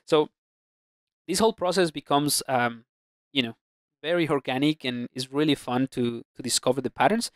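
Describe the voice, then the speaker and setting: A ZBrush instructor records a close-mic voice-over for a screen-captured 3D sculpting tutorial, casually walking through his brushes while thinking aloud with lots of fillers and restarts. His voice sits at a medium pitch and moves at a normal speed. The studio-quality audio carries no room sound.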